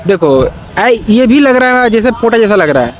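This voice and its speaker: A man's voice: sits high, very animated, normal speed. A young man pulling a prank on his partner outdoors by a road, coaxing and teasing her over and over in casual banter.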